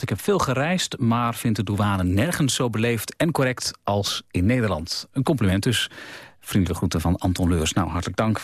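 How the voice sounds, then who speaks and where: Male radio host, lowish voice, easygoing with fillers, dry studio sound. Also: dry recording. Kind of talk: late-night call-in radio presenting.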